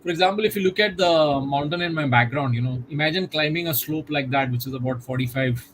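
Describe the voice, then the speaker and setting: A middle-aged man with a somewhat raised voice talks things through in a reflective, measured way over a video call. He often drops in "you know" as he goes, and a faint hiss runs underneath. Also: fairly high pitch, fairly bright tone, rough recording. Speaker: guest. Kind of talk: conversational interview.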